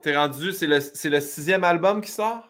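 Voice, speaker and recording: A man hosting a casual interview, playful and quick, laughing easily. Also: fairly high pitch, a bit bright. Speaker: interview host.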